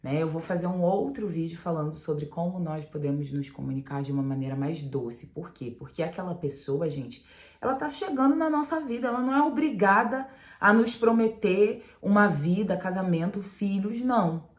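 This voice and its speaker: A woman giving animated relationship advice straight to her viewers in a casual vlog. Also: fairly low pitch, moderate pace. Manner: animated, talks straight to viewers with frequent "né?" and "gente". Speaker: relationship mentor, channel host.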